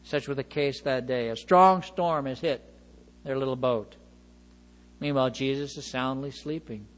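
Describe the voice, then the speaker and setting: A man preaching a sermon, reading scripture aloud and explaining it with expressive emphasis. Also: mid-range voice, normal speed. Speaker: pastor. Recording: long hall reverb.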